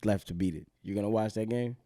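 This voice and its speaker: A man's voice: fairly low pitch, fast, warm tone, no echo, clean studio sound. Slangy man pressing a sports question. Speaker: podcast co-host. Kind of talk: casual sports chat.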